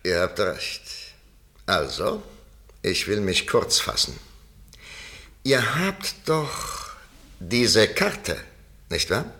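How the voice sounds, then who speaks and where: Cunning pirate leader, bright-toned, drawn-out, sly, for a radio play. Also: male voice, lowish voice, full character voice. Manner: sly, wheedling, erupting into shouting threats. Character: cunning one-legged male pirate leader, smooth-tongued.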